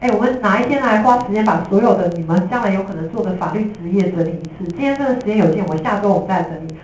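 A woman teacher with a Taiwanese Mandarin accent gives a lively, jokey classroom lecture, slipping in English terms. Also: medium pitch, rapid-fire, a little hiss or hum. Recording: echoey room from a distance.

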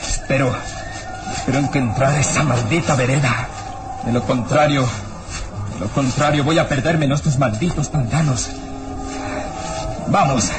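An actor playing a terrified, wounded police inspector in a radio drama, panicked and halting, repeating himself in fear. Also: male voice, medium pitch, over loud music, natural voice. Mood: anxious muttering. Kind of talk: melodramatic radio drama acting.

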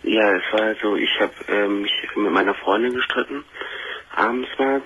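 A man in his twenties calling in to a radio show, speaking quietly and hesitantly. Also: lowish voice, moderate pace, breathy edge. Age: 20s. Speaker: caller. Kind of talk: phone-in call. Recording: muffled line with hiss.

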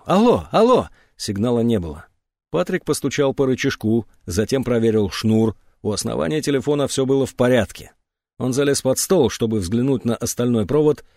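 Male narrator, dramatic reading, animated pitch, dry close sound. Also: no echo. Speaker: audiobook narrator. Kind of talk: scripted narration.

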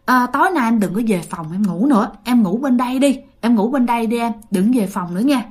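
A caring young neighbor, played by a woman storyteller, fussing and soothing with repeated gentle questions. The voice sits high and lilting, tender and concerned. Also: lively intonation, a little fast, breathy edge. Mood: worried, soothing.

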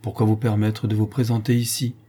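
A man's voice: lowish voice, flat delivery, fairly quick, warm tone, slightly rough. A man voicing a haughty male banker who speaks harshly and coldly in a read-aloud novel. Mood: stern. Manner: harsh, cold, menacing.

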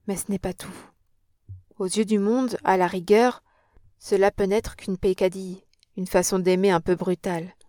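A woman's voice: mid-range voice, steady tone, moderate pace, warm tone, no echo, studio quality, lightly acted. A woman reading an audiobook and voicing an impassioned young Parisian woman with an earnest, dramatic manner.

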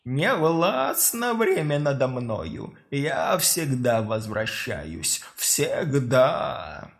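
A vengeful undead witch drags out every menacing word, as a man reading the story puts her on. Her pitch swoops up and down, and she speaks very slowly. She belongs to a spoken horror tale. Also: sing-song, vocal fry, exaggerated voice. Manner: slow, drawn-out menacing.

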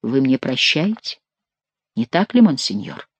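An audiobook reader voicing a scheming, flattering nobleman count in a dramatic reading. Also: mid-range voice, unhurried, slightly rough, no echo, full character voice. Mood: insinuating.

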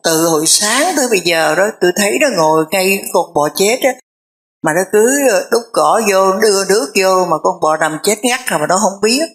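A woman's voice: mid-range voice, animated, moderate pace, close to an everyday voice. A woman voicing puzzled passersby reporting to a father. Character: gossiping passersby, worried villagers.

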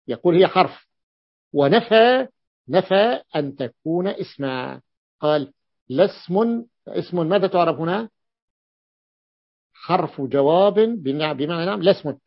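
A man teaching a grammar class, going over each point slowly and repeating it until it sticks. His voice sits somewhat high. The recording is dry and a little muffled. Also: expressive, no room sound. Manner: explains step by step, repeats key points. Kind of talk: grammar lesson explanation.

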